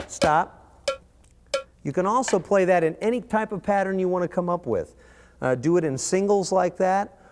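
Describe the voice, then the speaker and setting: Male drum teacher, slightly high voice, patient counting, reverberant room. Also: normal speed, noisy background. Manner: patient, counting beats aloud over playing. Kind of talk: instructional drum lesson. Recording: reverberant room with loud drums.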